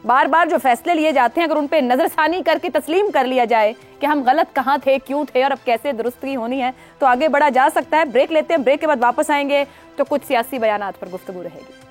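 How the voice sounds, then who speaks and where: A woman anchoring a television talk show, measured and formal as she moderates guests and reads news items. Her voice sits high for a woman. Faint music plays underneath. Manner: measured, formal, agreeing interjections. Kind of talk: news talk show hosting and read bulletin.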